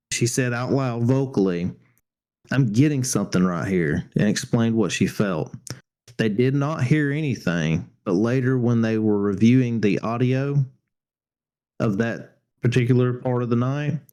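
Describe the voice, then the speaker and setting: A man's voice: medium pitch, darkish tone. A man co-hosting a podcast, casually retelling a ghost hunting story with loose restarts. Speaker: podcast co-host.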